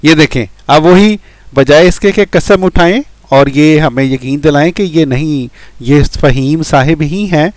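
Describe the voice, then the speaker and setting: A man's voice: on the high side, no echo. A man hosting a commentary video, addressing his viewers directly and mocking his opponent. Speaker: channel host. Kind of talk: commentary on played voice messages.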